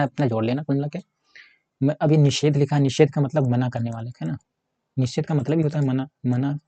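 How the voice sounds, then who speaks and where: A man with an Uttar Pradesh Hindi accent teaching a casual exam-prep grammar lesson. His voice is dark and husky, and he keeps checking in with "है ना?" as he writes on a board. The recording is close and dry, with no room sound. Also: mid-range voice, dry recording. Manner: repetitive, keeps asking 'है ना'; talks while writing on a board.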